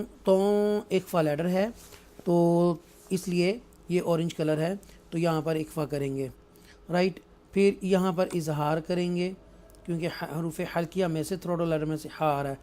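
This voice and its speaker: A man with a Pakistani accent teaching Quran recitation rules, alternating explanation with slow, drawn-out recited verses and often asking "right?". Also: high voice, a little mellow. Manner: frequent checking "right?". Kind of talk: tajweed lesson, explaining and reciting.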